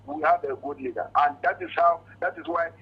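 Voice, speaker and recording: Calling in to a radio show, a Nigerian man with a Nigerian accent offers a spontaneous opinion, earnest and insistent, frequently repeating words. His husky voice is on the high side, steady and brisk, and the call sounds muffled and lo-fi.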